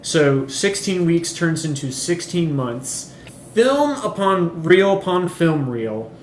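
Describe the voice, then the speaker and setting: A man's voice: fairly high pitch, big pitch swings, takes it slowly. A man co-hosting a podcast, chatting casually and rambling, with frequent ums and swearing. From Chile. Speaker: podcast co-host. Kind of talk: casual chat. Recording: echoey room, faint noise.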